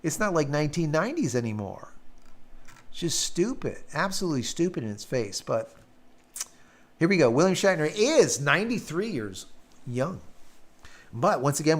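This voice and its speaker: A man hosting a live stream in casual chat, blunt and quick to swear, his throat sore and worn after hours of talking. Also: a little high, big pitch swings. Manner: blunt, ranting, swears freely.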